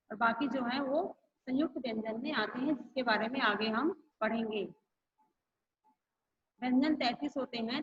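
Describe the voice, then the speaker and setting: A woman's voice: on the high side, husky, highs cut off. A woman teacher giving an online grammar lesson to schoolchildren, repeating each rule and example. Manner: slow, repeats each point and example for pupils.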